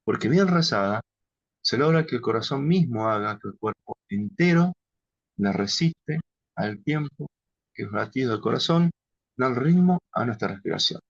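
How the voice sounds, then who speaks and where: A man with a husky, gravelly voice teaches contemplative prayer at an unhurried, halting pace, often ending with a questioning tag. The sound is dull and lo-fi, and the room is dry. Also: mid-range voice, expressive, no room sound. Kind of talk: instructional talk on contemplative prayer.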